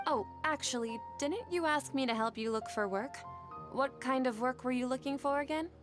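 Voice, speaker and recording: An actress playing a kind, anxious young woman scholar in a video game, speaking gently and with concern. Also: high voice, normal speed, faint music behind.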